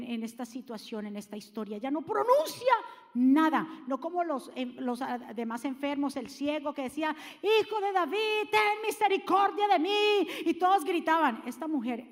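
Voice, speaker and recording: A high-pitched woman preaches a sermon, dropping to near whispers and then rising to shouted appeals as she urges her congregation on. Her voice rings out with the long reverb of a church hall. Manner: swings from hushed to shouted, repeats phrases, urges the congregation.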